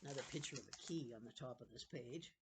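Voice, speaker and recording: An older woman with a very deep voice reads a novel aimed at school-age children, speaking fast over background noise. Her storytelling drifts easily into chatty, rambling asides, and she pauses to correct herself along the way.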